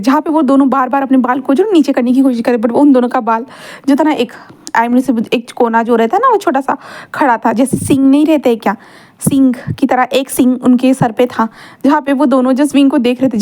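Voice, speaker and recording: A woman's voice: high-pitched, darkish tone. A woman telling a fan-fiction story in a casual style, mixing in English words and repeating linking phrases.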